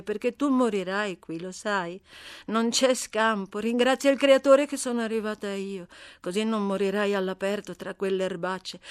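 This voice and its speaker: A woman's voice: medium pitch, no room sound, clean studio sound, lightly acted. A woman voicing a brash, talkative young runaway girl who scolds bluntly, in an audiobook reading.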